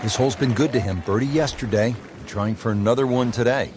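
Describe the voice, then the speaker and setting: A man working as a golf play-by-play commentator, calling shots in short, measured phrases. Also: mid-range voice, a little mellow, a faint crowd, slight background noise, natural voice. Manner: addresses his co-commentator by name, short measured calls.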